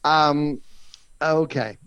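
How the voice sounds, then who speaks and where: A man's voice: a little high, extremely slow, fairly bright tone, smooth, dry recording. A man being interviewed as a language educator, telling anecdotes and explaining ideas, often checking in with "right?". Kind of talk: storytelling in conversation. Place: office in Hong Kong. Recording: dull, dry, lo-fi sound.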